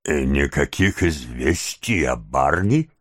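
A man doing a hushed, scheming old fence. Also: expressive, dry recording, clean studio sound, exaggerated voice. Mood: secretive. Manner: hushed, low, drawn-out scheming tone. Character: sly, secretive old male fence.

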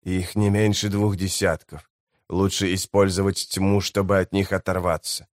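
A man voicing a grim, wary male guide who talks in terse, hushed mutters. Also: deep voice, little pitch movement, normal speed, dry recording, studio quality, pitched below the performer's own voice, lightly acted. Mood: curt.

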